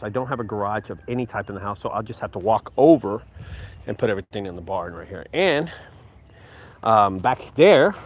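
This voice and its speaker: Speaking in a low voice, a relaxed man in his forties who owns a junk removal business gives a chatty vlog tour of his open rural property outdoors. He says "dude" along the way.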